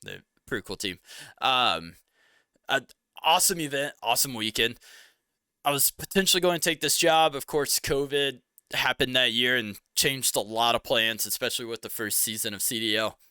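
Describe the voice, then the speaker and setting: A young man from Cincinnati co-hosting a podcast, chatting casually and telling rambling, animated stories. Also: mid-range voice, moderate pace, smooth, no echo, studio quality. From Cincinnati, Ohio. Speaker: podcast co-host. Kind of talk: casual chat.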